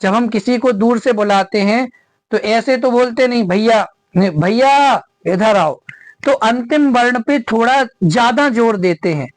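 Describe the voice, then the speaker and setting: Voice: medium pitch, normal speed, no room sound. A teacher giving a grammar lesson, repeating each definition and checking in with rhetorical questions.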